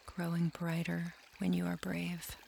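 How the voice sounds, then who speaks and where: A man leading a scripted guided meditation, talking slowly and softly and drifting into near-whispers, with faint trickling water behind him. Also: on the high side, monotone, gravelly, a little hiss or hum. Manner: slow, soft and soothing, drifting into near-whispers.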